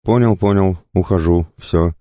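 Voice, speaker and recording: A man's voice: low-pitched, measured pace, dark tone, dry recording, clean studio sound, pitched above the performer's own voice. A man voicing a grinning, rotten-toothed male tavern drunk who fawns eagerly. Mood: eager fawning.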